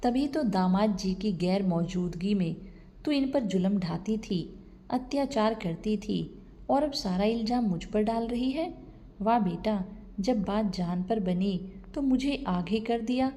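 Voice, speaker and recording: A woman's voice: medium pitch, unhurried, mellow, close to an everyday voice. A woman voicing a scheming middle-aged mother who scolds and sounds indignant, in a storybook reading. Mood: angry.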